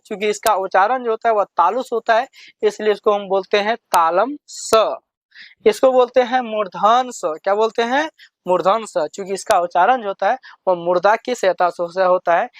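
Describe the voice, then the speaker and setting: A man's voice: high voice, no echo. Patient male teacher drilling letters. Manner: call-and-response, asks and answers himself; talks to children, slow and repetitive.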